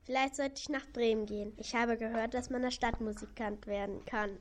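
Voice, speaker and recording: A weary old male donkey from a children's audio play, played by a woman. He speaks earnestly and plainly, in a fairly high voice. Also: fairly even intonation, a little fast, a little hiss or hum, close to an everyday voice. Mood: relieved. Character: old worn-out male donkey, gentle and hopeful.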